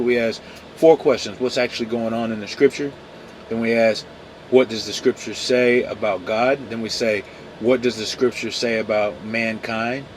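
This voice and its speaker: A man's voice: medium pitch, a little hiss or hum. A man hosting a daily Bible devotional podcast, talking casually, often saying "man" and correcting himself as he goes. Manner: laid-back, peppers talk with "man", self-corrects.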